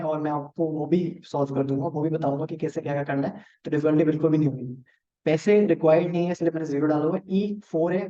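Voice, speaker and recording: A man with an Indian accent teaching a live online class on marketing. He talks fast on purpose and works through examples while checking in with his students. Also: on the high side, dark tone. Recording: echoey room, dull lo-fi sound.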